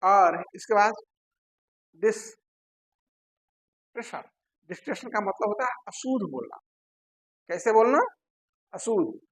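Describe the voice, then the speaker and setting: A man teaching a lecture, posing questions to his listeners and answering them himself, repeating key terms slowly. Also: high-pitched, expressive, fairly bright tone, slightly rough, low-quality recording. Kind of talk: classroom lecture.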